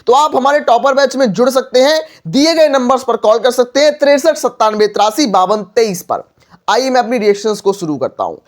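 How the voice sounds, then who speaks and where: A male teacher giving a lively exam-prep chemistry lecture, asking rhetorical questions and repeating phrases to drive points home. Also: very high voice, fairly quick. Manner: repetitive, rhetorical questions, filler phrase "mere paas". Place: online class video.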